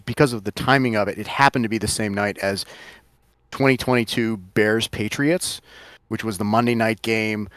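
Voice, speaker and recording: A man's voice: on the low side, steady tone, moderate pace, fairly bright tone, dry recording. A man hosting a casual drinks show, rambling and correcting himself as he talks. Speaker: host mixing drinks. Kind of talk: casual chat.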